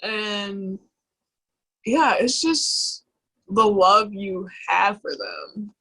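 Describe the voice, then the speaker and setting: A young woman speaking candidly in a personal conversation, halting often with fillers and restarts. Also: medium pitch, sharp tone, breathy edge, poor audio. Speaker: guest.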